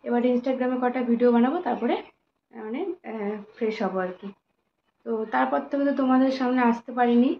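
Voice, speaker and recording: In a dull lo-fi recording from her home kitchen, with slight background noise, a young woman casually chats to her viewers while describing each step of her cooking and chores. Her voice is a little high with vocal fry, and she talks fairly quickly but pauses often.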